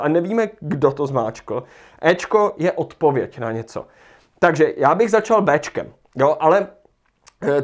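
Man teaching, thinking aloud. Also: sits high. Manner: thinks aloud, rereads passages, many fillers. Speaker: Czech language teacher. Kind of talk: livestream lesson walking through an exam.

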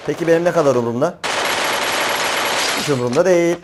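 A man's voice: on the high side, quick pace. A young man commenting on his gameplay as a gaming channel host, chatty, slangy and often exasperated. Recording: game gunfire noise underneath. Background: gunfire and game sounds.

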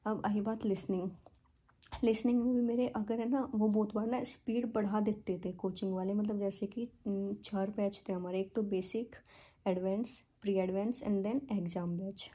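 A woman's voice: mid-range voice, fairly even intonation, normal speed, dark tone, breathy edge. A young woman from India telling a casual, chatty vlog story, with many fillers and English words mixed into her speech. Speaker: vlogger.

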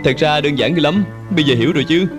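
A man dubbing a brash young male ex-convict in a film, talking in a quick, mocking way. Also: on the high side, over music, natural voice. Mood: explaining. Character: cocky young male ex-convict just out of jail. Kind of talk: film dub.

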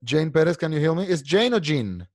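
A man's voice: on the high side, very animated, moderate pace, dry recording, studio quality. A man teaching an online English class, explaining patiently and mixing Spanish with English.

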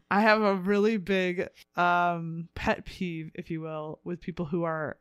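Brief: opinionated woman podcast co-host, smooth clear voice, dry close sound. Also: on the low side, little pitch movement, takes it slowly, dry recording. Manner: candid and opinionated, laughs often. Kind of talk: casual chat.

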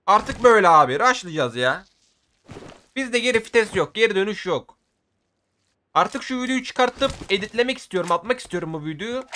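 A man giving excitable gameplay commentary for his video, often shouting at the game and using casual slang. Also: high voice, a little hiss or hum. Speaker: gaming video creator.

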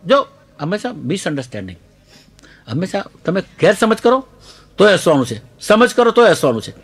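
A man telling stand-up jokes in an animated way, laughing through his punchlines and dropping in English phrases. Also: high-pitched, brisk, slightly rough. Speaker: comedian.

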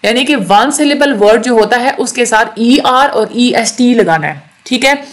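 A woman teaching a recorded lecture, explaining slowly, repeating words and checking in often. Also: on the high side, lively intonation. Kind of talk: recorded lecture on English grammar.

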